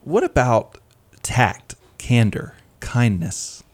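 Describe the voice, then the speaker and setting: A man's voice: medium pitch, big pitch swings, slow. A man hosting a casual chat about work, often affirming others with "right" and "yeah.". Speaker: podcast host.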